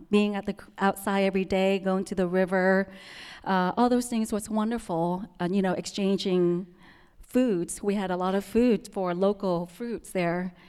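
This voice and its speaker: Woman with a Vietnamese accent, smooth clear voice, soft-spoken with pauses, personal story for an audience, long reverb of a hall. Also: mid-range voice. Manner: soft-spoken, with frequent ums and restarts.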